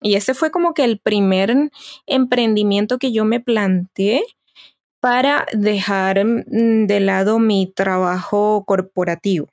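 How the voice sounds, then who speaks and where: Gravelly-voiced woman guest, dry sound. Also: medium pitch, slow, darkish tone, dry recording. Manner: thoughtful, hesitant with many fillers. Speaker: podcast guest, entrepreneur. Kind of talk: casual podcast conversation.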